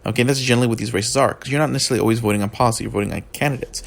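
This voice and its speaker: Sounding groggy like he just woke up, a man with a gravelly, mid-range voice offers casual, unscripted political commentary, halting along with repeated words and pauses.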